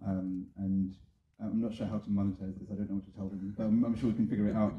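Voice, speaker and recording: A man's voice: on the low side, level tone, fast, lo-fi sound. A man moderating an audience Q&A after a screening, upbeat and given to joking asides. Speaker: panel moderator. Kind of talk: hosting an audience Q&A. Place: screening venue. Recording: echoey room.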